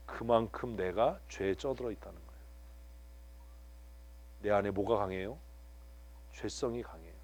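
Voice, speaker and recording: A man preaching a Sunday evening sermon as pastor, animated, swinging between hushed and loud and laughing often. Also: medium pitch. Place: church sanctuary.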